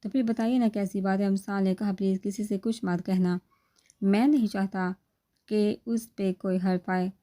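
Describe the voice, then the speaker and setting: A woman reading a comic family novel aloud, narrating and speaking the characters' dialogue in an even, low-key voice that lifts a little for quoted lines. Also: normal speed. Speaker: novel reader.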